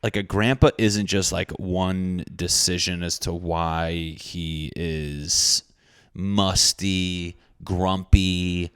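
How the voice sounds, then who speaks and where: A man in his thirties talks alone on his podcast, rambling crudely and poking fun at himself. His voice sits low and comes across smooth and resonant. The sound is dry and close, with no room around it. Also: a bit bright, no room sound. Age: 30s. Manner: rambling, crude and self-mocking. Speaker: podcast host. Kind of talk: casual solo podcast monologue.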